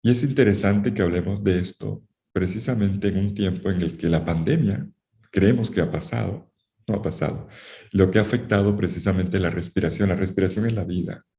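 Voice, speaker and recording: A man with a low, mellow voice lectures on the Bible to a class, repeating his key phrases for emphasis. He turns to the students often and warns them directly. The recording sounds roomy and echoey. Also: a little fast.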